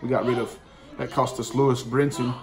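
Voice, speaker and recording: The host talks a little fast here, his medium-pitched voice running through baseball card names one by one with slangy, plain-spoken ease. It's casual card-opening commentary from his home dining room. A tabletop camera in front of him captures the audio, with steady background noise throughout.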